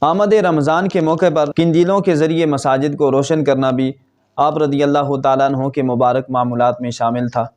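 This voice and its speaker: A man preaching a religious sermon in an earnest, measured way, chanting verses slowly and melodiously at times. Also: mid-range voice, little pitch movement, darkish tone. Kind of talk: Islamic sermon with recited verses.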